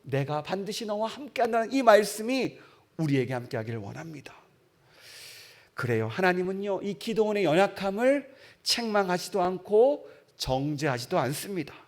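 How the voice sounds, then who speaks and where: A man preaching an impassioned evening sermon as pastor, swinging from loud appeals to quiet, soft lines and reading scripture aloud with the congregation. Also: high-pitched, sing-song, normal speed.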